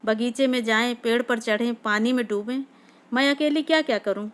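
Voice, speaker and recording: A woman's voice: a little high, steady tone, normal speed, clean tone, natural voice. A woman doing a weary, resigned village aunt. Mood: weary, curt. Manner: tired, curt replies.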